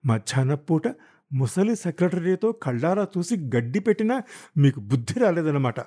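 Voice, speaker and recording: A man voicing an angry, jealous young wife who wails and hurls shrill accusations in an audiobook. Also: very animated, normal speed, mellow. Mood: accusing, wailing. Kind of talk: audiobook character voice.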